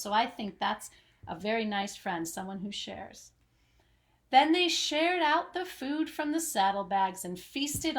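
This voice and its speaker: A woman hosting a story time reads a picture book aloud to young children, dramatic and singsong in her storytelling. Her voice is fairly high-pitched and fairly bright.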